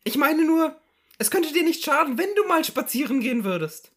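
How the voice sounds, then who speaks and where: A woman putting on a shrill nagging housewife. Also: lively intonation, normal speed. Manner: high, insistent, scolding. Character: nagging middle-aged housewife, fussy and reproachful. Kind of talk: comedy sketch reading.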